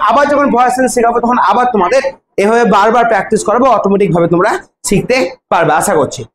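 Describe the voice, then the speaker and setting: A woman's voice: a little high, slight background noise. A woman teaching an English grammar class in Bengali, spelling out verb forms letter by letter and checking with her students. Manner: spells words letter by letter, asks students questions. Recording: echoey room with faint ambience.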